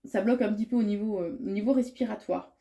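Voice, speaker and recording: Speaking quickly in a warm, mid-range voice, a congested tarot reader with a cold offers a yearly horoscope. She stumbles through fillers and restarts, hesitant, and frames what she says as messages being told to her.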